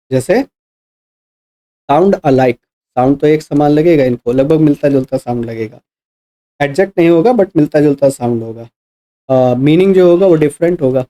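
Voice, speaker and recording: A man with a Hindi accent runs an exam-prep English vocabulary lesson, lecturing step by step. His voice sits slightly high and sounds mellow and relaxed. He repeats key points and keeps asking rhetorical questions to his students.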